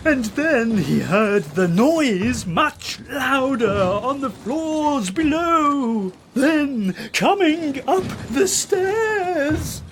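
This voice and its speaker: A woman narrates a comic audiobook in a high, highly animated voice. She is theatrical and mock-spooky, stretching out her words, over clear background noise. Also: very slow, hardly any pauses.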